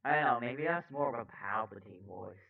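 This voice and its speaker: A man's voice: mid-range voice, lively intonation, fairly quick, gravelly. A man, a political commentator, reading the news aloud with blunt, profane, sarcastic asides. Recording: dull lo-fi sound, off-mic.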